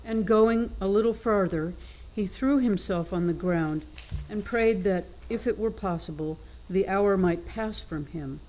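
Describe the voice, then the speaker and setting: A woman's voice: medium pitch, measured pace, a little mellow, low-quality recording. A woman delivering a formal gospel reading as a church reader. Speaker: scripture reader at a Good Friday service.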